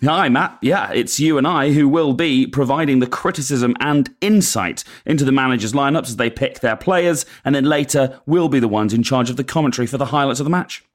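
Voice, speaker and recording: A man co-hosting a podcast, explaining the format in an even, matter-of-fact way. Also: medium pitch, brisk, few pauses, faint music behind. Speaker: podcast co-host.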